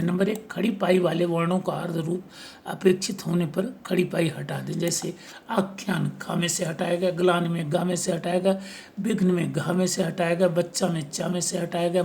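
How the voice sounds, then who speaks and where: A man's voice: on the high side, creaky, a little mellow, slight background noise. A male teacher giving an exam-prep lecture on spelling, reading out examples and often checking that his listeners follow.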